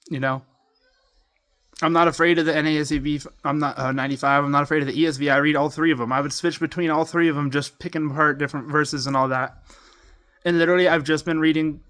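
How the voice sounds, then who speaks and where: A man's voice: fairly high pitch, fairly bright tone. A man rambling fervently and emotionally into a camera he holds at home, speaking in his own casual way. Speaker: self-recording believer. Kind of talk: rambling self-recorded monologue. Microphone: phone or camera he talks into.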